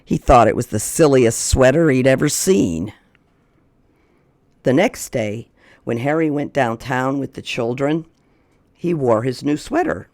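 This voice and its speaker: In studio-quality audio with no echo, a man speaks in a mid-range, slightly mellow voice, a bit slowly and with frequent pauses. At a children's storytime he chats casually and reads a picture book aloud, folksy in manner, repeating questions and talking to a companion.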